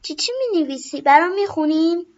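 A woman's voice: high voice, close to an everyday voice. Woman voicing a tiny curious forest girl. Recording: dull lo-fi recording.

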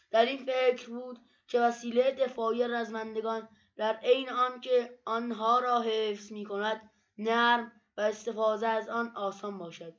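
A woman narrating religious stories from a book in a measured, steady storytelling manner. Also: a little high. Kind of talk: read-aloud book narration. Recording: dull lo-fi recording.

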